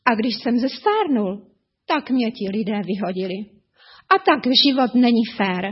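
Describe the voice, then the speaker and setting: A woman doing a slow, weary old buffalo. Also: fairly high pitch, expressive, breathy edge. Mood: bitter. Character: big old male buffalo, weary and bitter. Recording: dull lo-fi recording.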